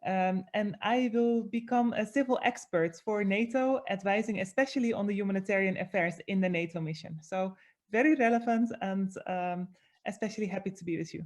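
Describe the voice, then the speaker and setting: A woman's voice: medium pitch, brisk. A woman from the Netherlands, introducing her aid work in a composed, matter-of-fact way. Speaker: aid country director. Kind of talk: panel introduction.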